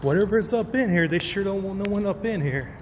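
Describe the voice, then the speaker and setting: A man's voice: sits high, expressive, fairly quick. A man with a New Orleans accent exploring an abandoned building alone, talking to himself casually and cursing as he goes. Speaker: urban explorer vlogger. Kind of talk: solo exploring commentary, muttering to himself. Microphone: handheld or body camera. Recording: noisy camera audio.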